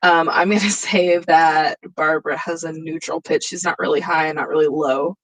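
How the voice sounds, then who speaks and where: A young woman teacher with a lower voice than most women, giving a casual, chatty recorded lesson and thinking aloud as she works. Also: fairly even intonation, moderate pace, no echo, poor audio. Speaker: drama teacher.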